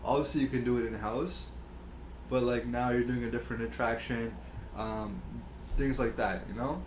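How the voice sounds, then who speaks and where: A man co-hosting a podcast, asking measured questions and giving quick agreeing replies in casual chat. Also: medium pitch, fairly even intonation, background noise. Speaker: podcast co-host. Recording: echoey room.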